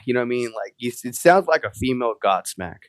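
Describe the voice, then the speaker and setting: A man co-hosts a casual podcast and cracks jokes, acting out little quoted bits as he tells them. His pitch swings widely, and the mic sound is close and dry. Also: lively intonation, quick pace, no echo. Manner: joking storyteller, acts out bits with quoted voices. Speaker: podcast co-host.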